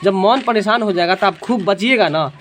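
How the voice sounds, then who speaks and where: A man's voice: high voice, moderate pace, fairly bright tone. Male coaching teacher drilling students. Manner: keeps checking if students follow; drills students by call and response. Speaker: general knowledge teacher. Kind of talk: exam coaching class with memory tricks.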